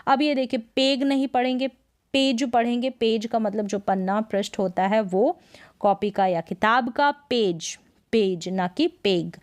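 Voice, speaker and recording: In Hindi, a woman teaches English pronunciation, saying each word slowly and posing questions to herself as she explains the rules. Her voice is mid-range with a darkish tone.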